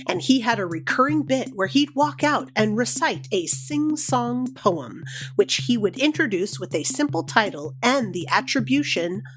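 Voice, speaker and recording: A woman's voice: fairly high pitch, fairly bright tone. A woman co-hosting a podcast, giving informal, explanatory commentary on a film. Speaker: podcast co-host; high school teacher.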